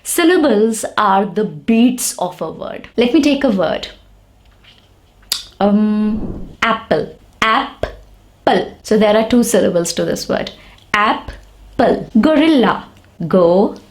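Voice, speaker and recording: A woman teaching an English pronunciation lesson, saying example words slowly and repeating them for practice. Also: mid-range voice, expressive, a little mellow. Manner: slow, deliberate, repeats words for drill.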